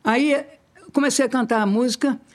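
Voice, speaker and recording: Uma mulher de oitenta e poucos anos com sotaque mineiro, contando casos de forma animada e imitando as vozes das pessoas. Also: female voice, high voice, moderate pace. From Ubá, Minas Gerais, Brazil. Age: 80s. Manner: lively, laughing, acts out quoted voices. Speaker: interviewed singer, twin sister. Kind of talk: casual storytelling.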